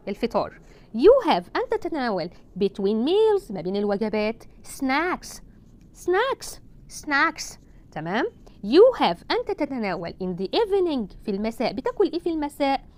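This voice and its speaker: Lively Egyptian woman teaching English. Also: on the high side. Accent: Egyptian Arabic. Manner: repeats English words slowly, drawn out, then translates. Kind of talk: Egyptian Arabic English lesson.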